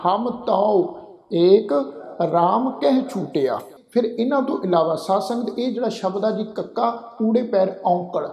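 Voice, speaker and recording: Earnest man teaching scripture pronunciation, gravelly high voice, stretches the verses out slow. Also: warm tone. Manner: earnest, addresses listeners as congregation, recites verses slowly and drawn out. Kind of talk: religious lesson with recited verses. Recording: echoey hall reverb.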